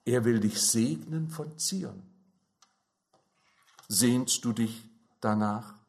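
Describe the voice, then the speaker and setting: A man delivering a sermon at an unhurried, deliberate pace. His voice sits at an ordinary pitch and he leans hard into the key phrases with growing fervor. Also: vocal fry, a little mellow. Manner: slow, emphatic preaching with rising fervor. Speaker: preacher.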